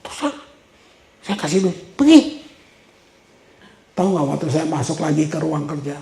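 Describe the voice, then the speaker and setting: Gravelly man preaching in roomy hall. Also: a little high, very animated, moderate pace, warm tone. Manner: storytelling, repeats words for emphasis. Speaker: pastor. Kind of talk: sermon. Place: church hall. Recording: roomy church hall echo.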